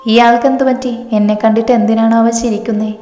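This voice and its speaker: A woman's voice: on the high side, fairly even intonation, fast, dark tone, natural voice. Woman reading as a cheeky young college girl. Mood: wary. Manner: wry and wary inner thoughts. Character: cheeky, mischievous young female college student. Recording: echoey room with music behind.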